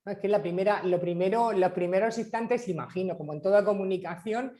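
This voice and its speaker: A woman's voice: medium pitch, brisk, dark tone. A woman speaks in a reflective, searching way, often restarting her sentences as she shapes her thoughts. The sound is echoey, like a bare room. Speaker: panel guest. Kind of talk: conversational talk.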